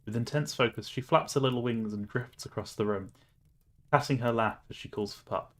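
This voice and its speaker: A man's voice: mid-range voice, brisk. A man streaming a game, reading the story aloud with playful, laughing asides.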